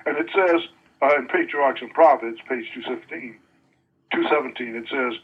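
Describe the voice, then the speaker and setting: A man preaching a sermon with a husky voice, dropping to low quiet asides and rising high on emphatic lines, and reading scripture aloud. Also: normal speed. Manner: reads scripture passages aloud. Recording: dull lo-fi recording.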